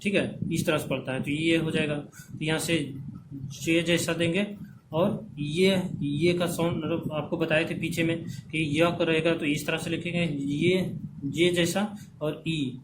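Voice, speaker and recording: A man teaching English phonetic transcription, repeating words slowly as drills and checking in often. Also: a little high, fairly even intonation. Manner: checks in often with "theek hai". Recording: background noise.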